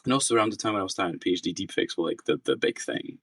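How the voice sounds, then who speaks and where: Low, husky young man, distant and dry. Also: expressive, rapid-fire, fairly bright tone, no echo. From Czech Republic. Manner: thoughtful, many restarts and fillers. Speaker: researcher guest. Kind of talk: casual interview answers.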